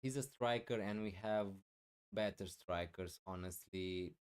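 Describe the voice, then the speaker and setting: A loud, low-voiced fantasy football streamer takes chat questions live, thinking aloud with a lot of fillers at a measured pace and in a clean tone. He's losing his voice and clearing his throat.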